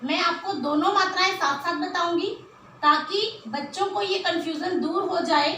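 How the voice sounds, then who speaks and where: Woman teaching kids hindi, really high bright voice, stretches out every syllable, echoey room. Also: slight background noise. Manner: slow, drawn-out syllables when sounding out words; patient explaining, frequent rhetorical questions. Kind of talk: children's Hindi lesson at a board.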